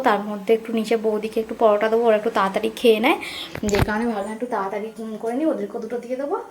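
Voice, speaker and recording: A woman, chatting casually to viewers in a home vlog while she cooks in her kitchen. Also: mid-range voice. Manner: chatty, addresses viewers directly, frequent fillers. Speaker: home vlogger. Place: home kitchen with sizzling food.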